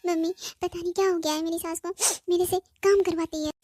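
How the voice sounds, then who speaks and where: A woman's voice: extremely high pitch, fairly even intonation, quick pace, mellow, no echo, studio quality. A woman voicing a spoiled young cartoon bride who whines and pleads, repeating "mummy" over and over. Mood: tearful pleading. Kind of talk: cartoon voice acting.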